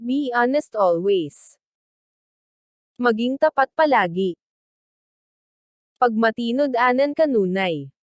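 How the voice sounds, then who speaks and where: Woman, language teacher, very slow careful reading, dry close sound. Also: fairly high pitch, lively intonation, no echo. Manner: reads each phrase slowly and deliberately. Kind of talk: slow read-aloud translation drill.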